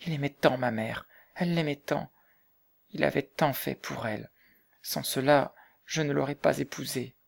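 A man reading the part of a bitter, grieving young mother, speaking softly and subdued in an audiobook. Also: medium pitch, normal speed, creaky. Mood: troubled. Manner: soft, subdued, hushed.

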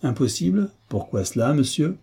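A man's voice: mid-range voice, animated, moderate pace, warm tone, breathy edge, pitched above the performer's own voice. A man voicing a young duke who answers curtly and coldly. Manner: curt, cold. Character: young duke, cold and curt.

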